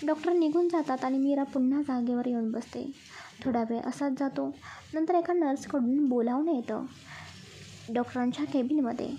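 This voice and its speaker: A woman narrates a scripted story with a high-pitched, mellow voice. Her reading is steady and expressive. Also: normal speed, slight background noise.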